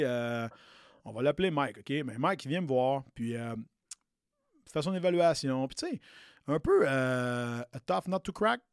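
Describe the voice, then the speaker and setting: A man's voice: mid-range voice, clean tone, no room sound, clean studio sound. A man in his late thirties with a Québécois accent, a personal trainer telling a story in a loose, chatty way, slipping English slang into his talk. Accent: Québécois French. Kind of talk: casual storytelling podcast.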